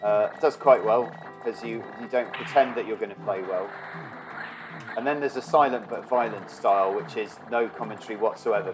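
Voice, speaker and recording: A man's voice: lowish voice, low-quality recording. Man, casual gameplay commentary, frequent swearing, game music underneath. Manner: chatty, swears often, grumbles at the game. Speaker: gaming streamer. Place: bedroom.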